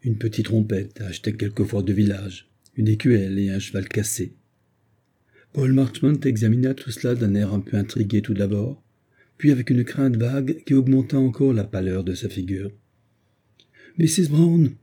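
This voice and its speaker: Dark husky male narrator. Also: lowish voice, steady tone, moderate pace. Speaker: audiobook narrator. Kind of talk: scripted narration of a classic novel.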